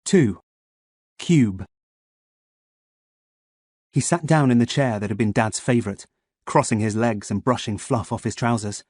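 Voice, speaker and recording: A man reads a first-person audiobook in a measured, expressive storytelling voice of middling pitch. The sound is close and dry, with no room around it. His delivery stays steady between the characters' lines. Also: breathy edge, dry recording. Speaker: audiobook narrator.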